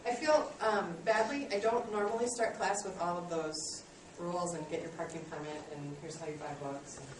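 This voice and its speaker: Heard from a distance in an echoey classroom with slight background noise, a woman in her late thirties lectures her college class at normal speed, barely pausing, her pitch fairly low. Her manner is friendly and self-deprecating, sprinkled with lots of ums.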